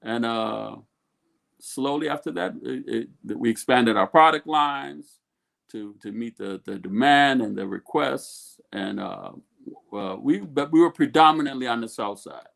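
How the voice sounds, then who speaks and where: A man's voice: mid-range voice, unhurried, gravelly, fairly bright tone. A middle-aged man from Ethiopia, a guest on an interview, talking casually and rambling with many restarts. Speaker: guest, food company co-owner.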